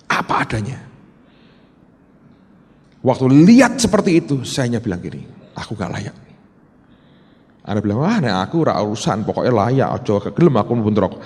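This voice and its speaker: Lively, gravelly preacher in a big hall. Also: male voice, medium pitch. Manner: storytelling, swings from shouts to hushed whispers, slips into Javanese. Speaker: pastor. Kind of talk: sermon.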